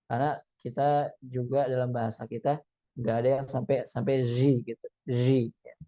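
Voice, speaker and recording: Mellow-voiced man teaching recitation. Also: medium pitch, flat delivery, dull audio. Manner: slow, drawn-out demonstrations of recited words; conversational with frequent "ya" and "nah" fillers. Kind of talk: explanatory lesson, reading Arabic text then explaining.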